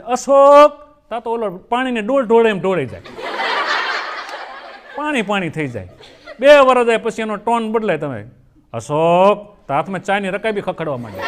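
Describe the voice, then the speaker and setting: A folk comedian with a high voice and a slight hiss or hum tells folksy comic stories on stage. He acts out the lines of his characters as part of the storytelling.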